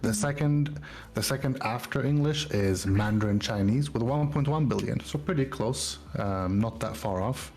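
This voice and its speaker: A man's voice: mid-range voice, moderate pace, a little mellow, faint music behind. A man co-hosting a podcast in casual chat, explaining facts and often checking in with his listeners. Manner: explanatory, keeps checking in with "right?" and "you know?". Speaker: podcast co-host.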